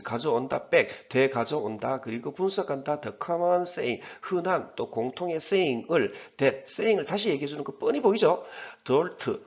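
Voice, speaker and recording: A middle-aged man teaching English, explaining slowly and patiently with many fillers and spelling words out letter by letter. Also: fairly high pitch, vocal fry. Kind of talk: lecture on English grammar and vocabulary. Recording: dull lo-fi recording.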